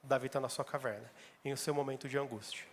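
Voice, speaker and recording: A man's voice: medium pitch, steady tone, quick pace, in a large hall. A man preaching a sermon as pastor, emphatic and repeating phrases for stress.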